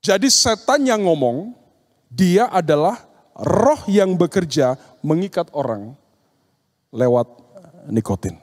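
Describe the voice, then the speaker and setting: A man preaches to a seminar audience in a higher-than-usual voice, turning his sermon into stories and playing the back-and-forth exchanges himself. His voice rings out with the long reverb of a large hall. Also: very animated, slow pace, long pauses, darkish tone. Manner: storytelling, acts out dialogues with demons and youths. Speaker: speaker at an occult seminar.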